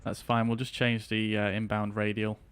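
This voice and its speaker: Smooth, clear-voiced man commentating a flight sim. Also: on the low side, monotone, normal speed, a bit bright, soft background music. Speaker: flight simulator streamer playing an airline pilot. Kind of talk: casual running commentary mixed with radio calls.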